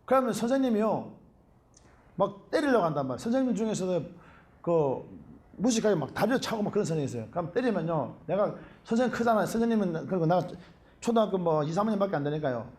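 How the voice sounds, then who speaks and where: A middle-aged Korean pastor, preaching a sermon in an animated way and often calling out hallelujah. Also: male voice, high-pitched, fast.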